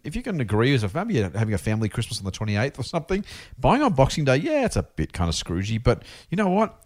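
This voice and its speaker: Fast, animated Australian man hosting a podcast. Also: medium pitch. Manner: jokey, blokey, addresses co-host as mate. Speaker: podcast host. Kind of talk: chatty, informal personal finance podcast talk.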